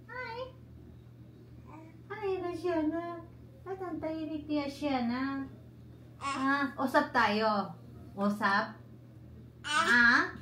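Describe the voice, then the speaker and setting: A woman in her thirties coos at babies in a high, bright, sing-song baby talk, slow and drawn out. She is recorded in an echoey room at home with a faint hiss behind her. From Philippines. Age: 30s. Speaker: vlogger. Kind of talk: casual home vlog, talking to babies. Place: family home, indoors.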